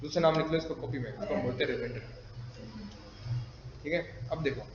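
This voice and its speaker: A man's voice: mid-range voice, a little fast, background noise. A man teaching a live class, quizzing and teasing his students as he explains. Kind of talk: classroom lecture. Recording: echoey classroom, dull lo-fi audio.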